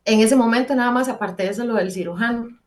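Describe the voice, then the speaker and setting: A woman's voice: fairly high pitch, fast. A woman giving a personal faith testimony on the radio, earnest and fervent, telling her story with quoted dialogue and speaking straight to her listeners. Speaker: church group member giving testimony.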